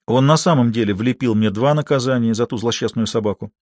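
A man reading a first-person story aloud, expressive and indignant in his own lines. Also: medium pitch, fast talker, no echo. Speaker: audiobook narrator. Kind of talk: first-person audiobook narration.

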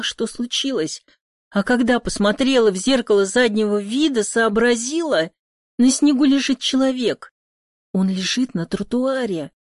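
A woman's voice: medium pitch, darkish tone, dry recording, clean studio sound. A woman reading a first-person audiobook in a tense, emotional way. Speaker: narrator. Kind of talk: audiobook narration.

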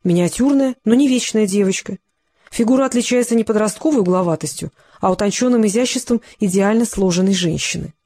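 A narrator reads a novel aloud at a steady, descriptive pace. The voice sits at a middling pitch, with nothing unusual about its tone. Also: brisk. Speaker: audiobook narrator. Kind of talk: scripted narration.

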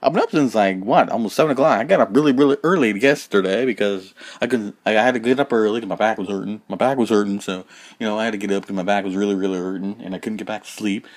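This male solo podcaster talks fast in a lowish voice, worn out from being awake almost 24 hours. His talk circles around, repeats itself and is sprinkled with casual swearing.

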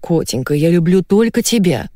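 A smooth, placating husband who coos pet names and waves worries away, voiced by a woman reading aloud. The delivery rises and falls with animated swings. The sound is dry and close. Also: on the low side, moderate pace, no echo. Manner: cooing, placating. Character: smooth-talking husband, adult man, soothing. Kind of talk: audiobook reading.

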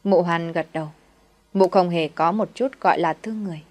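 A woman narrating a story with a steady, dramatic reading. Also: on the low side, fairly quick.

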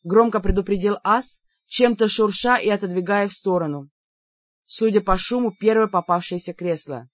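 A woman reads a fantasy novel aloud in the first person, telling the story in a lively way. The recording is dull and lo-fi with a dry, close sound. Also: mid-range voice, normal speed, dry recording. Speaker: audiobook narrator. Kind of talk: first-person fiction narration.

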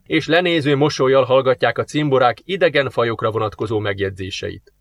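A man narrating a science-fiction novel as an audiobook reader, in measured storytelling. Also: medium pitch, a bit bright, dry recording. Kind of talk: scripted narration.

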